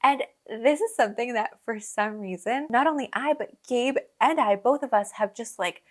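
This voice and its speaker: A woman's voice: a little high, moderate pace. A young woman who was born in Colombia and grew up in the US, hosting a podcast and telling travel stories in a chatty way, with lots of fillers, laughing often and acting out her own reactions. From born in Colombia, raised in the US. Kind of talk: casual storytelling chat.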